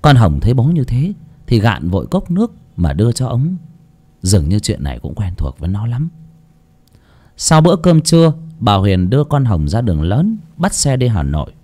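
A man narrating a story aloud with an expressive reading style. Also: lowish voice, normal speed. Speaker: audiobook narrator. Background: faint background music.

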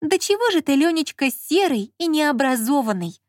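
A woman reading an audiobook, voicing a bossy, sharp-tongued young woman who talks with mocking emphasis. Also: high voice, expressive, normal speed, no echo, studio quality, pitched above the performer's own voice.

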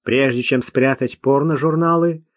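A man reading an audiobook in a measured, even narration. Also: medium pitch, no echo, dull audio.

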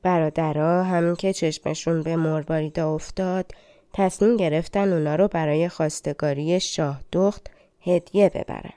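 A woman narrating an audiobook of fairy tales in a gentle, colloquial telling style. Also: low-pitched, steady tone, clean tone, dry recording, clean studio sound. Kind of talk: storytelling narration.

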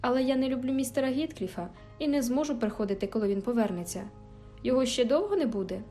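A woman's voice: high voice, expressive, quick pace, mellow. Woman voicing a fiery teenage girl. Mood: pleading. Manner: emphatic, indignant outbursts. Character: spirited teenage girl, quick-tempered but tender. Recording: faint background music.

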